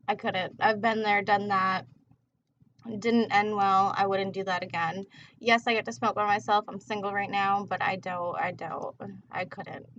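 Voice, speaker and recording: A woman's voice: mid-range voice, a bit bright, a little hiss or hum. Laid-back rambling woman smoking as she talks, muffled audio. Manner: laid-back, rambling, drawn-out slangy delivery; smoking while talking. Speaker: tarot reader hosting a livestream. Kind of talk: casual rambling livestream chat. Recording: dull, muffled lo-fi livestream audio.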